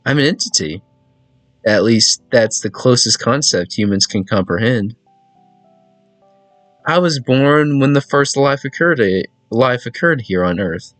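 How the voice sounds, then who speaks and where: A man voicing a teasing, ancient female eldritch entity in a video game, reading her lines in his own lively voice. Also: mid-range voice, no echo, soft background music. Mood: solemn. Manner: coy, teasing, unhurried.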